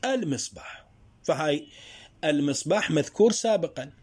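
A man teaching a grammar lesson. He explains slowly through worked examples and asks his students rhetorical questions. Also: a little high, expressive, darkish tone, breathy edge. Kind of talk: spoken Arabic grammar lesson.

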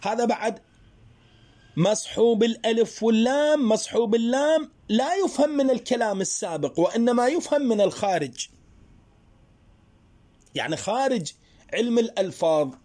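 A man teaching a grammar lesson. He explains slowly through worked examples and asks his students rhetorical questions. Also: extremely high pitch, lively intonation, warm tone. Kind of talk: spoken Arabic grammar lesson.

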